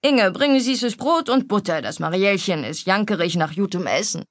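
A woman voicing a stout, older female cook who is bossy but motherly, fussing and scolding warmly. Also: medium pitch, lively intonation, moderate pace, dry recording, studio quality, close to an everyday voice.

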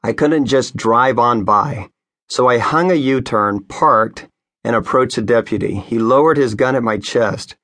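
A man's voice: medium pitch, a little slow, fairly bright tone. Man earnestly reading his own memoir. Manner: earnest, conversational storytelling. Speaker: pastor. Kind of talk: memoir audiobook narration read by the author.

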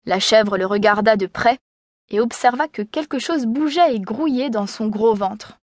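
Expressive woman reading a children's story. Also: on the high side, normal speed, no room sound, clean studio sound. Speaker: audiobook narrator.

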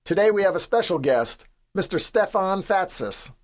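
A booming, commanding male team captain , as a narrator puts him on, his voice pushed high and loud. He bellows at the team like an announcer rallying a crowd, in an audiobook reading. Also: animated, normal speed. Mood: showman.

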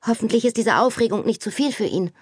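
A woman's voice: on the high side, fast talker, breathy edge, no echo, clean studio sound, voice pushed up. A woman voicing a prim, reproachful married young woman in an audiobook, clipped in manner. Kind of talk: audiobook character voice.

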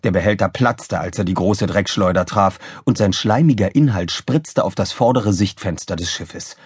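A man narrating a children's audiobook in a lively, expressive reading, close to a studio mic. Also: deep voice, moderate pace, husky, dry recording. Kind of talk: scripted children's story narration. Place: recording studio.

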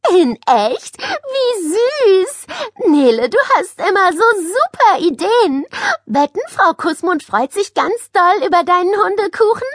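A woman reading an audiobook voices a chatty, excitable schoolgirl who gushes over everything. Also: high-pitched, unhurried, no echo, studio quality, pitched above the performer's own voice, full character voice. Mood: gushing. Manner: gushing, excitable. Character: chatty schoolgirl, spoiled but friendly now.

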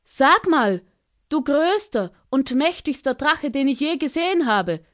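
A woman voicing a small, curious female parrot who speaks in a high, chirpy and eager way. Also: sing-song, measured pace, a bit bright, exaggerated voice. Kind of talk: children's audiobook character voice.

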